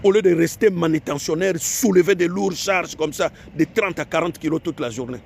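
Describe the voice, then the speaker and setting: Man from Africa, fairly high voice, emphatic online monologue, repeats himself, rhetorical questions, faint outdoor noise. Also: fairly quick, gravelly. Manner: repetitive, exhorting, rhetorical questions. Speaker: online commentator.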